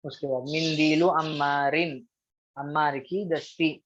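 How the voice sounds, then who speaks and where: A man's voice: a little high, fairly even intonation, a little slow, fairly bright tone, muffled recording. A man teaching an Arabic grammar lesson, patiently repeating each rule and checking in with his students often. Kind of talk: recorded online grammar lesson.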